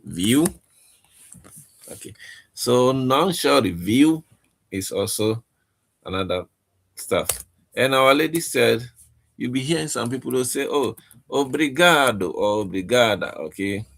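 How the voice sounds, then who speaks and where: A man teaching a casual online language lesson, speaking haltingly and often checking in with "okay?". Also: mid-range voice, animated, creaky.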